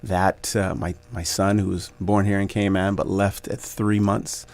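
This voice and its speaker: A man in his forties with a lowish, gravelly voice talks as a radio guest. He reflects warmly on his coaching career, chuckles often, and works through his thoughts with plenty of ums and restarts. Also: little pitch movement, a little slow. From Canada. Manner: reflective, grateful, laughs easily, many fillers. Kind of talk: radio interview conversation.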